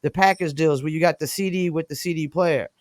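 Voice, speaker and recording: A man hosting a podcast interview, talking in a casual, animated, slangy way. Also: a little high, brisk, no room sound, clean studio sound. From North Carolina, USA. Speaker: podcast host.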